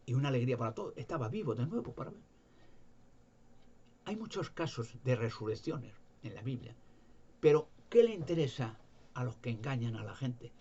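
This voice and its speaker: A man's voice: mid-range voice, a little mellow. A man preaching informally, reading Bible verses aloud and explaining them with emphatic rhetorical questions. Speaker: religious video preacher. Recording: dull lo-fi home recording with faint noise.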